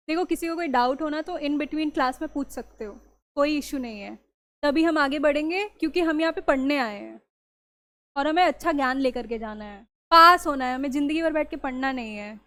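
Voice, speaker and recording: A woman's voice: high-pitched, fairly bright tone. A woman teacher, giving a classroom grammar lesson and often checking whether the students understand. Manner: mixes Hindi and English, keeps asking the class if it is clear.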